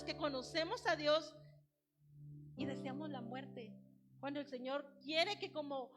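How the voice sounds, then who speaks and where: A woman with a Guatemalan Spanish accent preaching a sermon, earnest and exhorting, slowing down to stress her points. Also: high voice. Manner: earnest, exhorting, slows for emphasis. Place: church. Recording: church livestream with music behind. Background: instrumental music.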